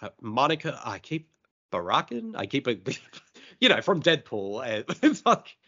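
Animated male podcast host. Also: mid-range voice, measured pace. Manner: animated, chatty, with many fillers. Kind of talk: casual podcast chat. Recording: dull lo-fi podcast audio.

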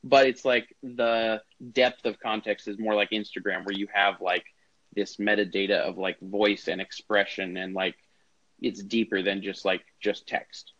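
A man's voice: lowish voice, flat delivery, measured pace, fairly bright tone, dry recording. A man hosting a casual group call, talking through AirPods with a speakerphone-like sound, rambling with lots of filler words. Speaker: call host. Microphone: AirPods earbuds on a call. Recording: dull lo-fi call audio.

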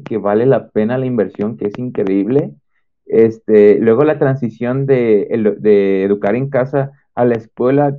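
A young man with a Mexican accent tells of his own schooling in a casual, animated way and acts out the dialogue he recalls. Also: mid-range voice, slight background noise. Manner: animated storyteller who acts out quoted dialogue. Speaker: homeschooled former student sharing experience. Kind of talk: casual testimonial talk. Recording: tinny phone-like sound.

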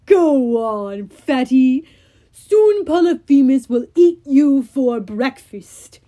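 A woman voicing a huge brutish male cyclops shepherd who bellows loudly. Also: high voice, expressive, takes it slowly. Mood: gruff bellowing. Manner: loud bellowing.

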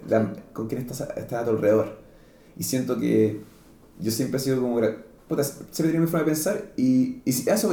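A man's voice: mid-range voice, dark tone, echoey room. A man with a Chilean Spanish accent hosting a podcast, talking in a casual, rambling way with slang and many restarts. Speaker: podcast host. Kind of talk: casual chat.

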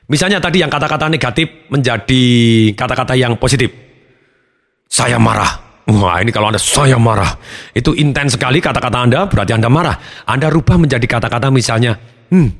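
Emphatic man, motivational talk, hall reverb. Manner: emphatic, animated, swings pitch for emphasis. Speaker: motivational speaker. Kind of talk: motivational audio lesson.

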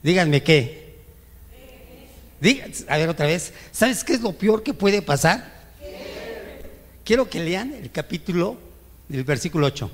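A man's voice: fairly high pitch, sing-song, measured pace, long pauses. A male pastor preaching a sermon, firing rhetorical questions at the congregation and acting out whiny complaints to God. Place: church. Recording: reverberant church hall.

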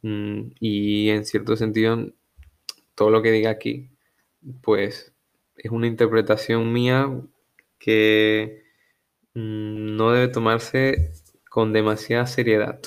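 A young man hosting his own podcast speaks in a low, gravelly voice that stays level and even. He takes his time, pausing and restarting often as he searches for the right word. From Venezuela. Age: young adult. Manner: slow, hesitant, searching for words with frequent restarts. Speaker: podcast host. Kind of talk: solo reflective monologue.

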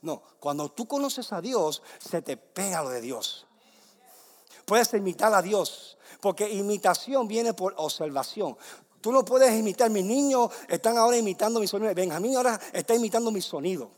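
A young adult man preaching a sermon, moving between loud emphatic declarations and soft hushed passages. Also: high voice, animated, moderate pace. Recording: long hall reverb.

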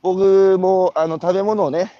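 A man from Iwate, Japan, speaking with a Tohoku accent, hosts a walking interview outdoors. His high voice moves at a measured pace as he tells animated stories full of rhetorical questions. The audio sounds dull.

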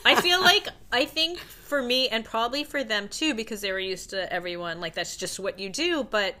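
Her voice is on the high side and her speed normal, with slight background noise. She is a Toronto fashion stylist in her forties, guesting on an interview and chatting casually, laughing easily and saying "like" a lot.

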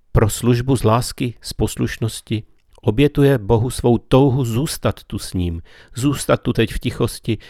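A man gives a slow, meditative spiritual talk as a preacher. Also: medium pitch, a little mellow, dry recording, studio quality.

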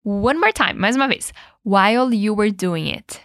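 A Brazilian woman hosting a podcast English lesson, upbeat and coaching, modelling English words slowly and prompting the listener to repeat them. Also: mid-range voice, expressive, fairly bright tone, dry recording, studio quality. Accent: Brazilian Portuguese. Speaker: English teacher and podcast host. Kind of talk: podcast language lesson with repeat-after-me drills.

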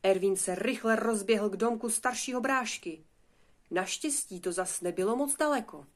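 A woman reading a children's fairy tale aloud in a lively, expressive way. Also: medium pitch. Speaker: storyteller. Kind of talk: storybook reading.

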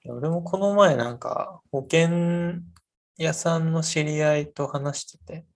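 A man in his thirties co-hosting a podcast in casual chat, rambling with many fillers in a soft, low-key way. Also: slow. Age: 30s. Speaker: podcast co-host. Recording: faint music underneath.

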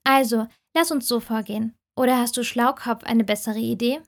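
A woman's voice: fairly high pitch, fairly even intonation, normal speed, natural voice. A woman voicing a moody young female student with curt, grumpy replies in an audiobook. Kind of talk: audiobook reading.

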